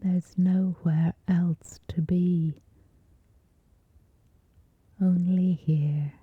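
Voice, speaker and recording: In a soft, whispery voice, a woman gently leads a scripted sleep meditation, soothing and full of long pauses between short phrases. Her voice is lowish and steady with a breathy edge. The audio is narrow and tinny, with no echo.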